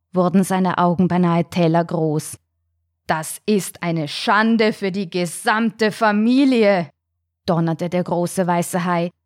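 Slow, calm woman reading a story. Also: on the low side, no echo, clean studio sound. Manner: calm, measured, unhurried. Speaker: podcast host and story reader. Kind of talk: scripted storybook narration.

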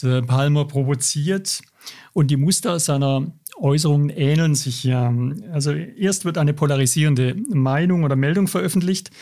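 A man hosts a newspaper podcast, his voice sitting a little higher than most men's. He introduces the topic and asks measured questions with a calm, steady delivery. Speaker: podcast host.

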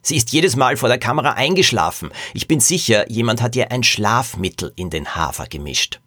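A man's voice: mid-range voice, very animated, moderate pace, a bit bright, dry recording. A man voicing an earnest, indignant male animal trainer in a children's mystery.

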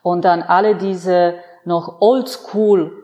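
Woman fitness trainer on a podcast, slow unhurried talk, chatty and earnest. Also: fairly low pitch, steady tone, warm tone, highs cut off. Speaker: fitness and yoga trainer, guest. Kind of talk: conversational podcast interview.

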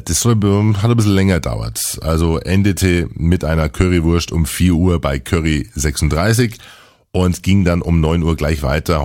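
Low, slightly hoarse male podcast host. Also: a little mellow. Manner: chatty, loose, with frequent fillers. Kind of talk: casual podcast chat.

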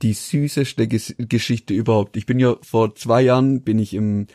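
Mellow-voiced man, rambling anecdotes. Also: mid-range voice, steady tone, normal speed, no room sound, studio quality. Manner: rambling anecdotal storyteller, laughs often. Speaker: podcast co-host. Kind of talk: casual chat.

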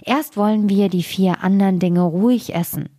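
A woman's voice: medium pitch, normal speed, warm tone, dry recording, studio quality, close to an everyday voice. A woman voicing a sly little peasant trickster in a storybook tale, speaking in a raised, cheerful tone.

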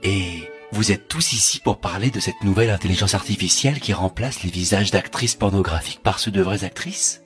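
A man's voice: sits low, brisk, hardly any pauses, soft background music. A man voicing a sardonic, menacing male artificial intelligence with a robot voice, mock-polite and sneering. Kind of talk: comedy sketch monologue.

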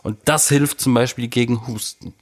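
Mid-range in pitch and moderately paced, this man's voice carries a cold and a sore throat. In a relaxed chat, he spins lively, jokey tales about home remedies.

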